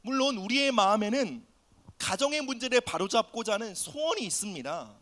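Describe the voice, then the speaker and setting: A man pastor preaching an earnest sermon, often dropping to a soft near-whisper on key phrases. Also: high-pitched, animated, brisk. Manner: acts out quoted family voices in his preaching.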